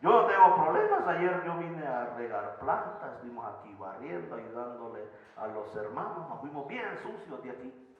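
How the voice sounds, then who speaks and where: A man preaches a sermon from a church sanctuary, his voice rising to loud emphatic lines and dropping to soft asides. His voice sits somewhat high for a man. It rings with a long hall reverb and sounds slightly dull and lo-fi. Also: big pitch swings, moderate pace. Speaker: pastor.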